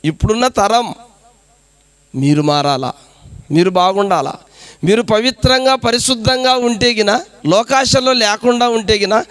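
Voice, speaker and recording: Pastor guy preaching, high clear voice, dry close sound, keeps firing questions at the crowd. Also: fairly bright tone, no echo. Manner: exhorting, rhetorical questions to the congregation; repetitive preaching cadence. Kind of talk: sermon.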